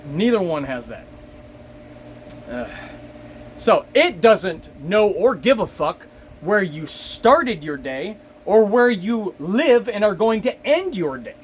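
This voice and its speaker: Profane, ranting high-voiced man. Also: slight background noise. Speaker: delivery driver vlogger. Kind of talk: casual ranting monologue.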